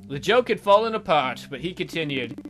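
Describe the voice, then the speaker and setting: A let's play host reads a visual novel aloud in a fairly high, bright, forceful voice that's sing-song and a little fast. He narrates dramatically, dropping in joking asides, with faint guitar music playing behind him.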